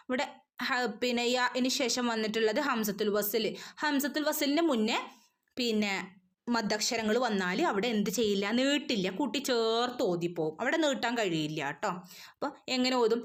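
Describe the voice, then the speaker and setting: A woman teaching an online Quran recitation lesson, patiently explaining rules between slow chanted verses. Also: on the high side.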